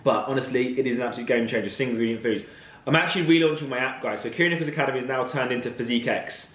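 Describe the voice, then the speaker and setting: A man's voice: medium pitch, racing, fairly bright tone, reverberant. A man, a fitness coach talking casually to camera, chatty and blunt. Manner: chatty, blunt, matter-of-fact. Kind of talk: casual vlog talk to camera.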